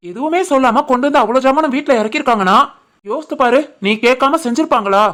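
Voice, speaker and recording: A woman voicing a stubborn but loving young village husband in an animated family story, with a Tirunelveli Tamil accent, talking in an insistent, scolding way. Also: high voice, fast. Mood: reproachful. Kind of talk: animated family drama voice acting.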